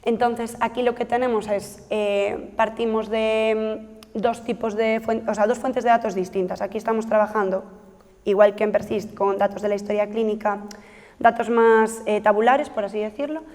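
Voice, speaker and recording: Her pitch is fairly high, her tone level and darkish, and she keeps a moderate pace. She's a researcher presenting a technical project to trainees, stumbling into frequent fillers and self-corrections, all captured with a long hall reverb.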